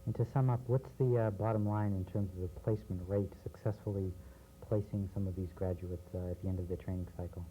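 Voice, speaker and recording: A man interviewing guests on community TV, asking steady questions with a few fillers, heard from a worn VHS tape copy. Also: deep voice, a little fast, hardly any pauses. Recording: worn VHS tape, thin and phone-like with faint hiss.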